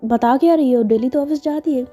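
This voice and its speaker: A woman's voice: high-pitched, brisk, mellow, faint music behind. A woman voicing an older mother who is brusque and unimpressed, speaking curtly and dismissively.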